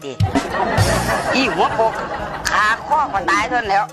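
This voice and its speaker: A woman's voice: mid-range voice, animated, unhurried, close to an everyday voice. A woman playing a scolding, reluctant villager in a Thai slapstick skit, with an Isan accent. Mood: indignant, grudging. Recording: faint music and crowd behind.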